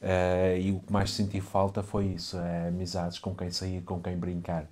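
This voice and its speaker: Low, flat-voiced hesitant man from Ukraine. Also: normal speed. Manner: hesitant, reserved, many fillers. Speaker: interview guest. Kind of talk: casual interview.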